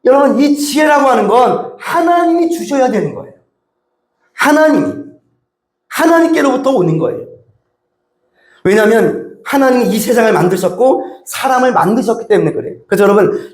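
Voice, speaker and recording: High-voiced pastor preaching in an echoey church. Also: male voice. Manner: emphatic, with many rhetorical questions to the congregation. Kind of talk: sermon. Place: church sanctuary. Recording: roomy church echo.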